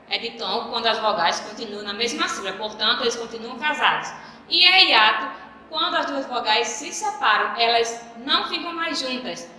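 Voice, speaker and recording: A woman's voice: a little high, sharp tone, a little hiss or hum. A woman teacher giving a video lesson to young pupils, explaining patiently and repeating key words. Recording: echoey room with long reverb.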